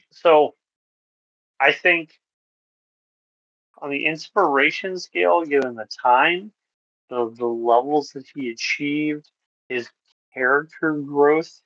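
A man's voice: medium pitch, a bit bright, dry recording, dull audio. A man co-hosting a podcast in casual chat, talking in a rambling way with many fillers and restarts. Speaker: podcast co-host.

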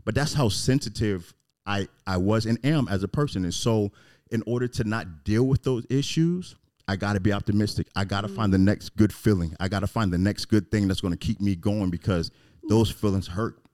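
A man's voice: lowish voice, normal speed, a little mellow. A man talking earnestly and emotionally in a candid conversation, full of "like" and "man".

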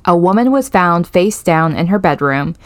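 A woman's voice: on the low side, animated, normal speed, no echo. A woman co-hosting a podcast in casual, playful banter, recorded inside a small closet. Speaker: podcast co-host. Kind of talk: casual chat.

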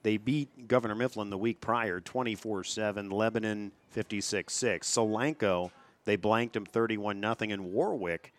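A man with a lowish voice calls a local high school football broadcast. He reads out names and stats in an even, steady way. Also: moderate pace. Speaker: play-by-play announcer. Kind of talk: local sports broadcast commentary.

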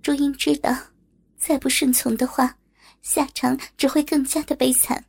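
A woman reading a story aloud as narrator, in a steady, even storytelling manner. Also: high voice, moderate pace, creaky.

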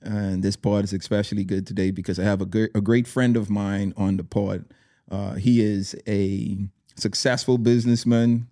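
A man's voice: lowish voice, steady tone, normal speed, warm tone, dry recording, clean studio sound. A man hosting a podcast, upbeat and hyping up his guest with loose, chatty talk. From Bahamas. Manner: upbeat, hype-style welcomes, lots of fillers and restarts. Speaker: podcast host.

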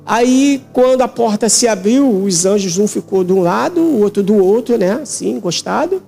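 Male interview guest, testimony of a vision; gravelly, mellow, emotional, repetitive phrasing. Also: high voice, lively intonation, normal speed, faint music behind.

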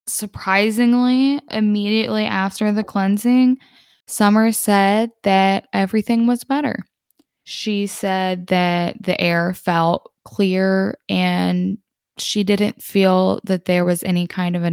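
A woman casually retelling paranormal stories, unhurried, with musing asides and the odd restart. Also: fairly low pitch, clear, resonant tone, no echo, clean studio sound. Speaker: storyteller.

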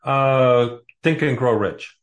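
A man in his sixties from Metro Detroit in the USA speaks slowly at a medium pitch. He is a guest author answering interview questions casually and hesitantly, filling his answers with plenty of fillers.

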